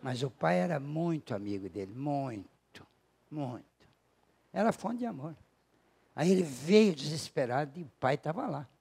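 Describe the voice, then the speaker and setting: A man with a Brazilian accent giving a spiritual lecture, telling a personal story, acting out the dialogue and slowing down to stress key words. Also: on the high side, lively intonation, vocal fry, slightly rough. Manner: storytelling, acting out dialogue with big shifts in loudness. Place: lecture hall at a spiritist center.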